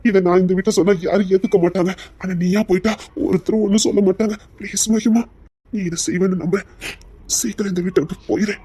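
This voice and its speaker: A man playing a rough but remorseful husband who earnestly begs his wife to leave, in an audio drama. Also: high-pitched, fairly even intonation, fast talker, mellow, no room sound. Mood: pleading. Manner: earnest, pleading, sorrowful. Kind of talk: Tamil audio story acting.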